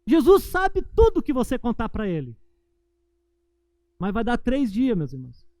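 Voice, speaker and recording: A man with a Brazilian Portuguese accent, a pastor preaching a sermon and slowing down for emphatic points. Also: very high-pitched, wildly swooping pitch, mellow, no room sound. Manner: preaching with emphatic, slowed climaxes.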